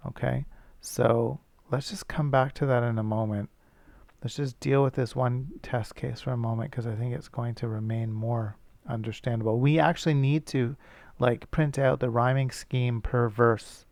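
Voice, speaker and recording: A man's voice: mid-range voice, fairly even intonation, normal speed, gravelly, darkish tone, dry recording. A male teacher thinking aloud as he works through a coding problem, casual and self-correcting. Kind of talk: screencast coding lesson.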